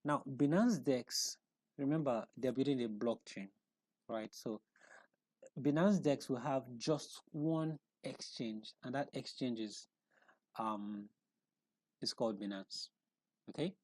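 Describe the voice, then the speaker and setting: A man's voice: mid-range voice, lively intonation, slow, pauses often, a little mellow, no room sound. A man presenting an online explainer, talking through a screen walkthrough off the cuff, with frequent restarts, repeated words and rhetorical questions to the viewer.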